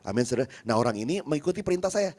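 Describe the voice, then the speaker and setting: A man, a pastor, giving a sermon in a lively storytelling way, often calling out to the congregation and swinging from soft asides to loud, emphatic peaks. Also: a little high, very fast. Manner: humorous, acts out little dialogues.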